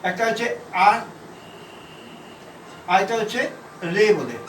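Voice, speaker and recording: High-voiced man teaching shorthand from afar. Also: very animated, fairly bright tone, a little hiss or hum. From India. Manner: repetitive, halting, spells out letters. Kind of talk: classroom explanation. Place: classroom. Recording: echoey room from far off.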